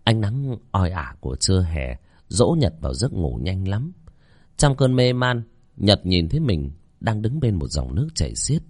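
A man narrates a spooky tale with expressive storytelling. His voice sits low but swings widely in pitch. The recording is dry and close. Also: normal speed, slightly rough, no room sound. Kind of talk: audiobook horror story narration.

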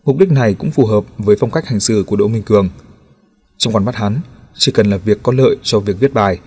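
Guy reading a crime novel audiobook, low husky voice, steady. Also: a little fast. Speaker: audiobook narrator. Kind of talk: scripted novel narration.

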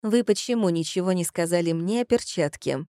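A woman reading the part of a lively, stubborn female amateur detective in an audiobook. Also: on the low side, dry recording, clean studio sound. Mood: indignant. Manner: quick, indignant questioning. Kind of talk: audiobook character voice.

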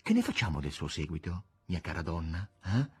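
A grave, commanding devil, as a male reader puts him on. He speaks low, hushed and unhurried. The tone is husky and dark. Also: big pitch swings, full character voice. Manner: low, quiet and measured.

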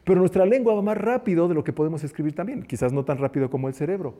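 A man's voice: a little high, very fast, mellow. A man preaching a conversational sermon who acts out the quotes he tells. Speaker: preacher and teacher.

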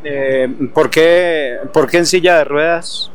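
A man's voice: fairly high pitch, fairly even intonation, slow. A man reporting and interviewing a guest on a community radio program, asking polite, hesitant questions.

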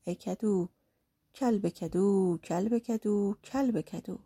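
A woman's voice: medium pitch, expressive, mellow, breathy edge. Woman doing a defiant bald young man. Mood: commanding. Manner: blunt and defiant. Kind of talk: folk tale storytelling.

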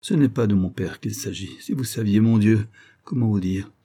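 A man's voice: fairly low pitch, moderate pace, mellow. A man voicing an anxious young woman who pleads with a trembling urgency, in an audiobook reading. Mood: pleading.

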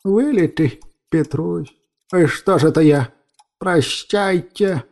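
A man voicing an emotional old woman, gruff by reputation but soft and tender, speaking quietly and fondly. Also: on the high side, slow pace, voice pushed up. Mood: wistful. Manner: soft, tearful, fond.

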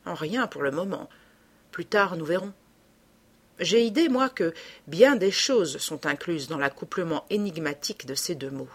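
A woman voicing a young male amateur detective who reasons methodically, in a husky, fairly low voice. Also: moderate pace, close to an everyday voice. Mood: reasoning. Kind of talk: audiobook reading.

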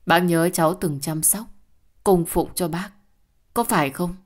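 A woman voicing a calm, defiant young mother who answers firmly and coolly in an audio story. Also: fairly low pitch, a little slow. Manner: firm, cool and cutting.

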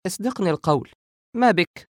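A man's voice: high-pitched, very animated, fast, no echo, studio quality, voice pushed up. A man voicing an older woman, a grandmother who teases her brothers and frets over them in an audiobook. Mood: worried. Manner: teasing, then anxious and insistent. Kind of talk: audiobook character voice.

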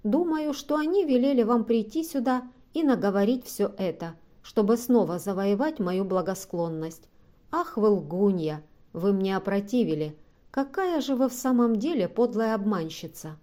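A woman's voice: mid-range voice, lively intonation, moderate pace, warm tone, natural voice. A woman reading an audiobook and voicing a stubborn, distrustful man who scornfully accuses a woman of lying.

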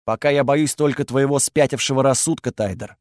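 A man voicing an angry, defensive young woman with strange powers, who accuses and shouts sharply. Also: mid-range voice, fairly quick, no echo, studio quality, lightly acted. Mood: furious, accusing.

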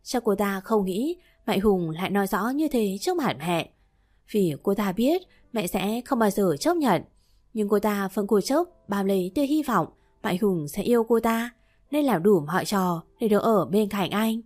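A woman reading a first-person romance novel aloud in an even, steady storytelling manner. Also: medium pitch, normal speed. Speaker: narrator. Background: soft background music.

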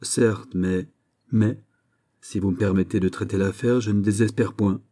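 A man voicing a proud, courteous nobleman in a novel reading, answering politely and calmly. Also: fairly low pitch, moderate pace, lightly acted.

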